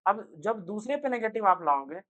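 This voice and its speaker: A young man giving an energetic online chemistry lecture, speaking loudly and constantly quizzing his students with quick rhetorical questions. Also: sits high, phone-quality sound. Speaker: chemistry teacher. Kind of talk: online exam-prep lecture.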